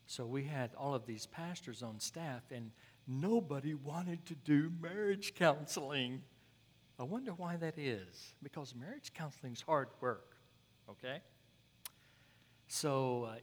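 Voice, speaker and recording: A man's voice: mid-range voice, slight background noise. A male pastor telling a story in a sermon, folksy and conversational with asides. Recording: long hall reverb.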